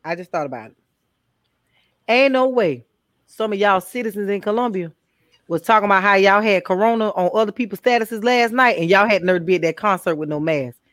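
A man co-hosting a podcast, joking through lively banter. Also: high voice, fairly quick, dry recording, studio quality. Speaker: podcast co-host. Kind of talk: casual chat.

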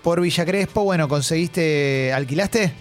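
A man with a Rioplatense accent hosting a radio show, chatting and joking quickly with callers. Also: a little high, soft background music. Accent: Rioplatense Spanish. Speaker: radio host. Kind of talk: lively radio chat with callers.

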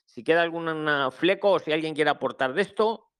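A man hosting a live online advice session, explaining in an animated, repetitive way. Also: on the high side, brisk, clean tone. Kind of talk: live video call Q&A.

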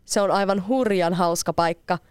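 A woman's voice: on the low side, smooth, no room sound, lightly acted. A woman doing a cheerful boy adventurer in a storybook. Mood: friendly. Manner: bright, confident, playful. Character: cheerful adventurous boy who never grows up. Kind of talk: storybook read-aloud.

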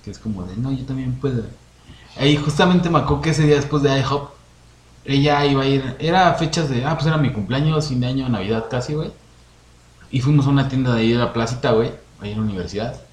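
A young man with a Mexican Spanish accent, chatting casually as a podcast co-host, telling animated stories full of slang and acted-out quotes. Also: mid-range voice, fast talker. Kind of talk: casual chat. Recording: roomy echo, faint noise.

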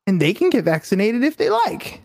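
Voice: mid-range voice, wildly swooping pitch, fairly quick, gravelly, darkish tone. A speaker in a casual debate who talks hesitantly, asking questions and often restarting sentences. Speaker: conversation partner.

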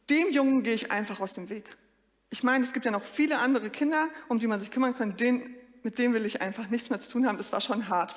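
A woman preaches in a lively storytelling way, often turning straight to her congregation. Her voice sits fairly high. It rings through a church hall with a long reverb. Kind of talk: sermon.

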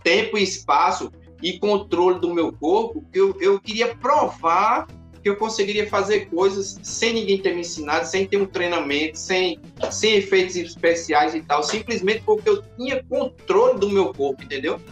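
A man, a podcast guest in casual chat, who tells his stories in an animated way and acts out the scenes. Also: high-pitched, normal speed, muffled recording, soft background music. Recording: roomy echoey room.

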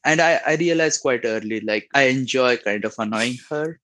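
A man's voice: medium pitch, moderate pace, no room sound. Young man with an Indian accent. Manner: animated storyteller, laughs often. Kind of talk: casual chat.

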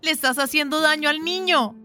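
A woman putting on a shrill, desperate young mother. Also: a little fast, bright, forceful tone, soft background music. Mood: frantic. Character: furious, tearful young mother clutching her baby.

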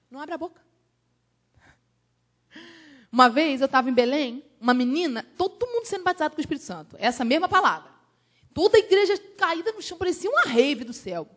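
A woman from Brazil, a missionary preaching a sermon in an animated, emphatic storytelling way. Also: sits high.

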